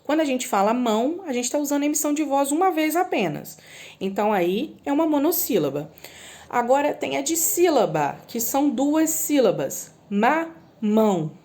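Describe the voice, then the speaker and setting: A woman's voice: sits high, big pitch swings, mellow. Patient woman teaching young children. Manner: patient, drawn-out word spelling with frequent "tá?" checks. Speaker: primary school teacher. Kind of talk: recorded lesson for children.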